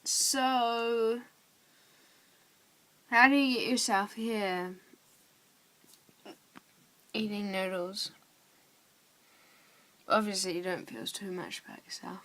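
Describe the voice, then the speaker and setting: A drunk woman rambling casually in a confessional vlog, halting, drifting and swearing as she goes. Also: a little high, steady tone, fairly bright tone, slight background noise. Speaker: vlogger.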